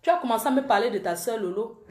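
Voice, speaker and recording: A woman's voice: on the high side, lively intonation, quick pace, reverberant, a little hiss or hum. A woman who calls herself the panther, angrily accusing a man she speaks to directly, in an emotional live-stream rant. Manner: accusatory, repetitive, addresses the absent man directly. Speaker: online commentator.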